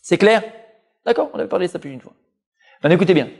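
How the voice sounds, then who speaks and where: Animated man teaching a Torah lesson. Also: high voice, very fast, vocal fry. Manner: animated, addresses listeners directly, full of Hebrew terms. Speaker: rabbi.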